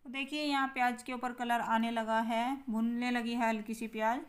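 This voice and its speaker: A woman's voice: on the high side, level tone, normal speed, smooth. A woman from India giving a home cooking demonstration in her kitchen, explaining each step plainly to her viewers. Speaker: home cook vlogger.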